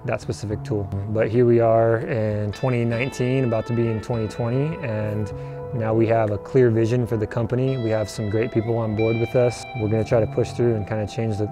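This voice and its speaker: Standing outdoors in front of a building with music playing, a furniture maker in his thirties who founded his own company tells his story to camera. He's relaxed and reflective, speaking fairly quickly in a fairly low voice, with fillers and restarts.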